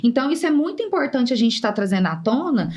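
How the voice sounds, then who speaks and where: A Brazilian woman pediatrician hosts a podcast, speaking in a fairly high voice. She explains things in a measured, thoughtful way. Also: big pitch swings, darkish tone. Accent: Brazilian Portuguese. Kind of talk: podcast conversation.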